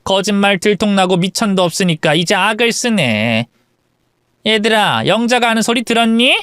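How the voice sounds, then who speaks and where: A man's voice: high voice, expressive, moderate pace, fairly bright tone, smooth, dry recording, studio quality. A man voicing a sneering, mocking middle-aged woman bully in a story radio drama. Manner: mocking, cackling.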